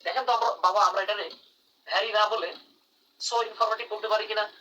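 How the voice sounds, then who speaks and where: A man's voice: sits high, steady tone, a little fast, bright, forceful tone, recorded from a distance, slight background noise, rough recording. A man teaching English grammar in a live online class, calling on students by name and praising their answers.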